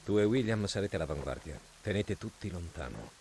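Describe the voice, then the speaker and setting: A calculating military leader in a video game, giving measured orders with authority. The voice is deep and moves widely in pitch, over clear outdoor noise. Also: male voice, animated, darkish tone. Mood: calm, commanding. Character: commanding, calculating male officer leading armed men.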